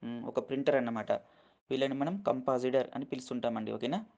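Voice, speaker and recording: A man's voice: medium pitch, fast talker, gravelly, darkish tone, dull audio. A man teaching English vocabulary in Telugu, spelling each word letter by letter and keeping on asking his listeners if they follow. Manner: keeps asking "okay?" after each point, spells words letter by letter; earnest, gets emotional while lecturing. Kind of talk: casual lesson explaining words in Telugu.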